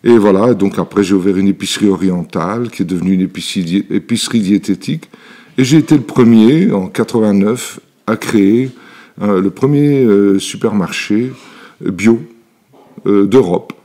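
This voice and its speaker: A man's voice: on the low side, moderate pace, warm tone. A man in his seventies from Italy, telling his life story as an interview guest in his workshop, with hesitant speech full of fillers and restarts. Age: 70s. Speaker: interview guest, elixir maker. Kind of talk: relaxed personal storytelling.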